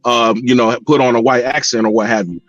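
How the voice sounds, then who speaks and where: Over a lo-fi, band-limited internet call, a middle-aged American man with a mid-range voice talks fairly quickly and evenly about things he's lived through. He's casual and rambling, saying "you know" a lot and repeating himself. A crowd murmurs in the background.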